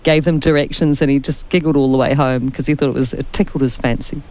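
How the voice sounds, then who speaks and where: A woman hosting a radio chat, telling chatty personal anecdotes in a relaxed, conversational way. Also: extremely low pitch, quick pace, a little hiss or hum. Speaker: radio host.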